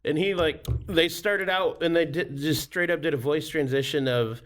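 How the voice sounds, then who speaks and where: A man co-hosting a casual beer podcast, animated and quick to laugh. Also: a little high. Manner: animated, laughs often, excitable. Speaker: podcast co-host.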